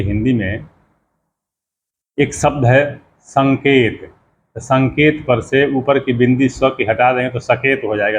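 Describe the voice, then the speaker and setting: A middle-aged man teaching as a pandit, explaining mantra pronunciation at a measured pace and drawing out each sound he stresses. He often stops to ask the listener how a sound should be read. The audio is a little dull and lo-fi, with faint noise behind him. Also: mid-range voice. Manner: explanatory, repeats key sounds slowly, asks rhetorical questions. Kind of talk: spoken lesson to camera.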